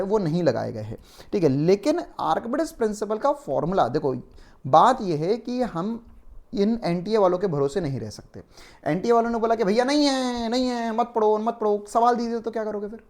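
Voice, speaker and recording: A man's voice: high-pitched, a little mellow. A male physics teacher giving an online exam-prep lecture in a conversational, explanatory way, often checking in with tag questions.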